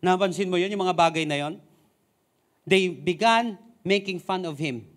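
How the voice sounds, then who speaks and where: A man with a Filipino accent preaching a sermon, mixing Tagalog and English and slowing down to read scripture verses. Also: high voice. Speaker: pastor.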